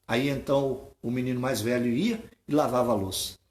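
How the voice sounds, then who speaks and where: A man's voice: medium pitch, brisk, darkish tone, roomy sound. A male pastor preaching a sermon, telling a parable and acting out the characters' lines before urging the congregation. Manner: retells a parable, acting out the boys' lines, then exhorts the congregation. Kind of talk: sermon with storytelling.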